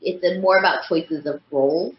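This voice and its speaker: Speaking at a moderate pace in a fairly low voice, the voice actress in her thirties chats as a guest in a laid-back interview. "Like" and "you know" pop up often in her talk, and the podcast sound is roomy and a bit dull.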